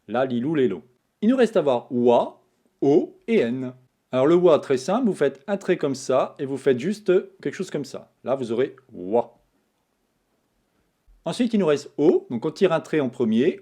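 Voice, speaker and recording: Guy teaching japanese, casual and chatty, mellow tone, pitch bounces around a lot. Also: husky. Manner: relaxed, chatty, talks while drawing strokes. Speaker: Japanese teacher, channel host. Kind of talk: casual screen-tablet writing tutorial.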